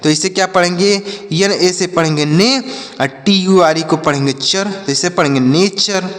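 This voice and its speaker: High-voiced man teaching phonics in a reverberant room. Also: a bit bright. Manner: spells letters slowly, then repeats each word; asks questions and answers them himself. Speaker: English teacher. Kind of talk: spelling-out phonics lesson.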